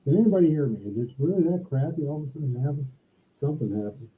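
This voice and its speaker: A man's voice: on the high side, animated, racing. A man on a video call whose voice comes through muffled, as if he is talking inside a barrel, chatting casually and joking. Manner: joking, laughing at his own remarks. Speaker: discussion participant.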